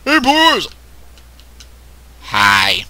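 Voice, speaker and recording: A man's voice: fairly high pitch, huge pitch swings, extremely slow, pushed and bright, no echo. A man giving casual, joking commentary while playing a video game, swearing and laughing at what happens on screen. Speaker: let's play gamer.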